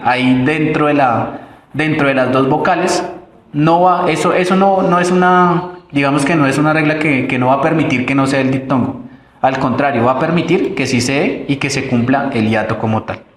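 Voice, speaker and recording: A Colombian-accented man gives a recorded online lesson in a fairly high voice. He explains at a steady, patient pace and often pauses on fillers and restarts. The sound bounces around a reverberant room. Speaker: teacher.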